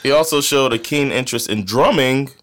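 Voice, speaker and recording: A man's voice: mid-range voice, a little fast, fairly bright tone. A man with an American accent, co-hosting a podcast and telling a story in casual, joking chat, laughing often. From United States. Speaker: podcast co-host.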